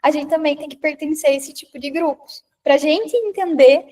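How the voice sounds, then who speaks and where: A woman from Paraná's interior talks at normal speed in a high voice with a darkish tone. Chatting with her women's group in a live online talk about confidence and public presence, she reads their comments, addresses them directly, and keeps saying "né?".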